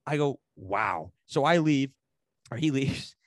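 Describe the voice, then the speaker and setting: Man, podcast co-host, casual slangy storytelling, swearing, mid-pitched, dry sound. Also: expressive, takes it slowly, no echo.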